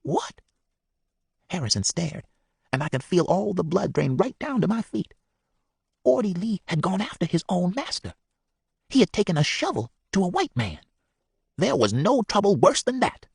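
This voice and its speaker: Male audiobook reader, gravelly, husky, dry close sound. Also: sits high, dry recording. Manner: measured, expressive reading. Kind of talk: storybook narration.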